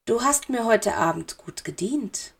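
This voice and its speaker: A cold, cruelly amused male dark lord speaks in a hushed, silky drawl, as a woman reader puts him on. The voice carries a gravelly edge. It is a storybook villain. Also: a little high, animated, measured pace, full character voice. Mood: silky menace.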